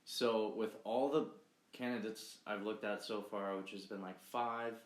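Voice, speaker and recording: Young man, podcast co-host, blunt, heated, profane, low-ish voice, roomy echo. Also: steady tone, unhurried. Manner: blunt, heated, swears freely. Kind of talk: casual political chat. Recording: echoey room.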